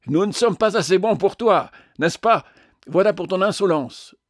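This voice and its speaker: A man's voice: fairly high pitch, animated, moderate pace, no room sound, clean studio sound. A man voicing a blustering brute of a giant. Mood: enraged. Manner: blustering, mock-polite then shouting. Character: huge burly bullying man, quick to violence. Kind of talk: audiobook character voice.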